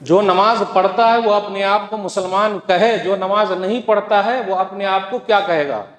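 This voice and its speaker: Delivering a Friday sermon at a moderate pace, this man speaks in a voice that sits high. He presses his audience with rhetorical questions and scripture quotations, and the sound carries through a hall with long, echoing reverb.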